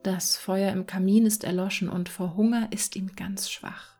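A woman reading a fairy tale in a soft, hushed whisper. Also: mid-range voice, fairly even intonation, moderate pace, soft background music. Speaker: storyteller. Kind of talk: whispered storytelling.

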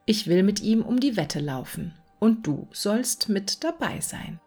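A woman's voice: mid-range voice, expressive, unhurried, darkish tone, slightly rough, faint music behind. A woman voicing a cocky male hedgehog who curtly orders his wife around. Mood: bossy. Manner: curt, commanding.

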